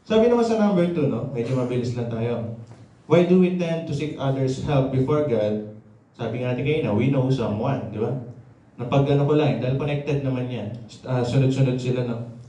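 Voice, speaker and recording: A man's voice: mid-range voice, normal speed, dark tone. A slightly out-of-breath man preaching a conversational sermon, checking in with the congregation often. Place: church hall. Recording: very echoey, from a distance.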